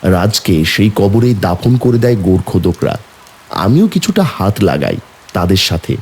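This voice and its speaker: Speaking slowly in a low, somewhat mellow voice, a man narrates a first-person horror tale as a somber young man describing an eerie burial. The performance is heavily acted and very animated, with a brooding, suspenseful, eerie mood over slight background noise.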